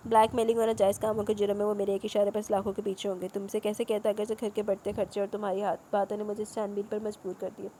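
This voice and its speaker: A woman voicing a tender young businessman husband, speaking softly and lovingly in a storybook reading. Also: medium pitch, a little hiss or hum, natural voice, rough recording.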